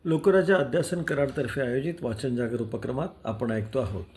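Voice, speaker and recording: A man from Karad, Maharashtra, reading a novel aloud in measured installments, acting out the dialogue. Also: medium pitch, darkish tone. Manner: measured storytelling with acted dialogue. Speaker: novel reader.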